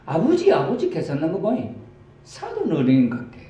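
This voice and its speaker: A man voicing a gossiping old country grandmother with a Gyeongsang dialect, chatty and exclaiming in a high put-on voice. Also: wildly swooping pitch, normal speed, mellow, far from the mic. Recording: roomy hall with faint hiss.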